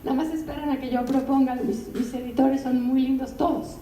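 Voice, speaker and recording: An older woman, a literary translator giving an animated, conversational talk and often turning to the audience with asides. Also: high-pitched, a little fast. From Mexico. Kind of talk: anecdotal public talk. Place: bookstore event room. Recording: roomy, distant, faint ambient noise.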